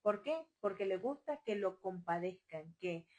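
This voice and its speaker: A woman's voice: medium pitch, expressive, a little slow, a little mellow, lo-fi sound. A woman giving a live talk on parenting, speaking emphatically and repeating her questions.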